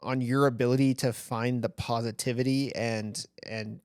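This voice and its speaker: A man's voice: mid-range voice, little pitch movement, normal speed, darkish tone, smooth, no echo, clean studio sound. A man in his thirties hosting a podcast, asking probing questions in a blunt, casual way. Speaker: podcast host.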